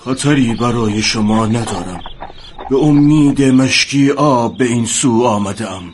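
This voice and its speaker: A man voicing a weary traveler who speaks quietly and cautiously to strangers in a storybook tale. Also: lowish voice, lively intonation, a little hiss or hum. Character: weary male traveler fleeing at night, cautious.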